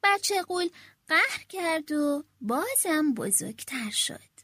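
A woman reading a children's storybook aloud, with a very high, bright voice. She tells it in an animated, lively first-person way. The sound is close and dry. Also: no room sound.

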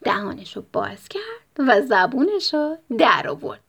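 A woman reads a bedtime story in a husky, breathy voice, gently addressing young listeners. Her pitch rises and falls in a sing-song, expressive way, and she often drops into a whisper.

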